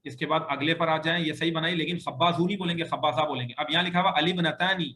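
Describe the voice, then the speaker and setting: A male teacher with a high, bright, ringing voice leads a grammar lesson, patiently repeating sentences and correcting students as his words bounce around a roomy classroom. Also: steady tone, fast talker. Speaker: Arabic teacher.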